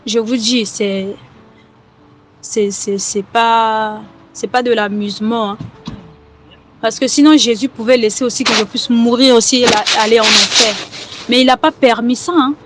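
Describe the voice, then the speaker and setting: A woman with children giving an earnest personal testimony, halting and repeating her words often. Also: a little high, fairly even intonation, noisy background. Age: adult with children. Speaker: testimony giver.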